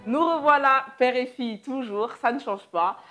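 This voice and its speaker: A young woman from France co-hosting a casual question-and-answer chat with her father, leading the questions in a lively way. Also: high-pitched, moderate pace, faint music behind. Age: young adult. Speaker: co-host.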